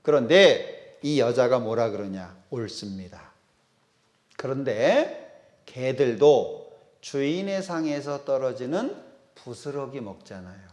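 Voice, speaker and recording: A man's voice: medium pitch, very animated, a little slow, darkish tone. A man preaching a sermon as a pastor. He asks the congregation questions, answers them himself, and acts out the voices of the people in the Bible story.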